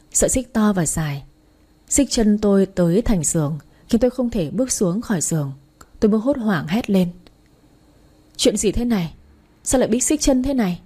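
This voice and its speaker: A woman's voice: medium pitch, dark tone, slightly rough. A woman narrating a dramatic story in the first and third person, voicing all the characters herself.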